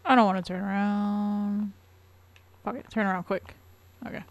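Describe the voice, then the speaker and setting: A woman's voice: mid-range voice, fairly even intonation, moderate pace. Joking, cursing woman gaming. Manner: casual, profane, joking. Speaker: gaming streamer. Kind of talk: let's-play commentary.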